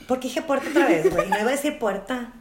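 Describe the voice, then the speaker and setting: A woman's voice: a little high, animated, fast, roomy sound, very noisy. A young woman with a Mexican Spanish accent playing a word game with a friend, joking, swearing and dropping English words. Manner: laughing, joking, swears a lot, mixes in English. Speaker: game player. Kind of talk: casual chat.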